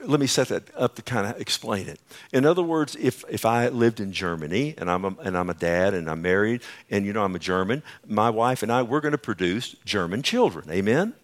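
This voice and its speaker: A pastor preaching a sermon at a pulpit microphone in a church, emphatic, putting questions to the congregation. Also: male voice, fairly low pitch, lively intonation, fairly quick.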